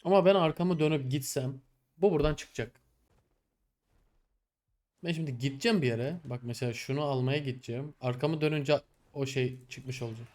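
A young man giving casual gameplay commentary, exasperated, talking to the game and his animals and swinging between low muttering and loud outbursts. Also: fairly quick. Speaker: gameplay streamer.

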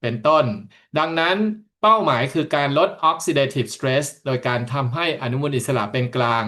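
A man interpreting a talk into another language in steady, continuous stretches after each passage. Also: medium pitch, normal speed. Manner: steady, continuous rendering of the speaker's points. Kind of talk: consecutive interpreting.

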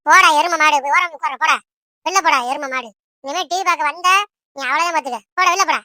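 Squeaky, bright cartoon siblings who whine and tattle in fast bursts, as a performer puts them on. The pitch sits very high and the delivery stays dry and close. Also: no echo. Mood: whining. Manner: whining, tattling. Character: squabbling teenage siblings, whiny and quarrelsome. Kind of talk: Tamil cartoon voice acting.

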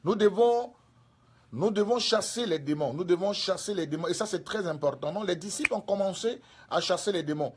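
A man's voice: high voice, fairly quick, slightly rough. A male preacher with an Ivorian French accent, giving a sermon full of repetition and tag questions.

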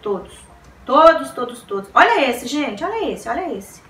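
With big pitch swings and soft music in the background, a high-voiced book vlogger gushes at a moderate pace, repeating words and exclaiming in casual chat to camera. Her bright voice carries roomy echo and faint hiss from a small decorated room, sounding a bit distant.

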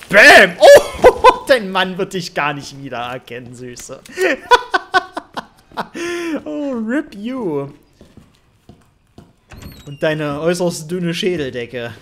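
German woman, let's-play host; animated pitch, excitable, yelps at jump scares, headset sound. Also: slight background noise. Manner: excitable, jokey, shrieks at scares. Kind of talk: gaming commentary.

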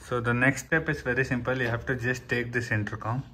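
Speaking fairly quickly with a sharp tone, this man keeps his medium-pitched voice mostly flat. He's a tutorial presenter with an Indian accent, explaining a casual hands-on how-to one step at a time and often asking "right." Background noise and room ambience come through clearly.

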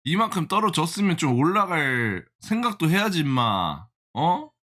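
Bright and forceful, this young man's fairly high voice swings widely in pitch at a normal speed. As a stock-trading vlogger commenting live on his day trading, he gets exasperated, chides the price chart, and jokes with the people watching.

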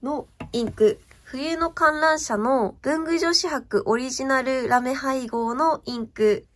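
A woman's voice: high voice, slow pace. Bubbly young woman gushing over ink. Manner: gushing, chatty, often asks viewers if it shows. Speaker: stationery vlogger. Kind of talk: casual show-and-tell chat.

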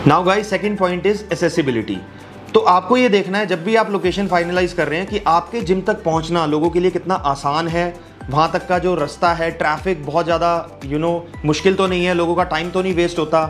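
A man in his thirties, a gym business coach, explaining to camera from a trophy-filled office, mixing English phrases into Hindi and gesturing constantly. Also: sits high. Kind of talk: direct-to-camera advice video. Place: office with trophy shelves, indoors.

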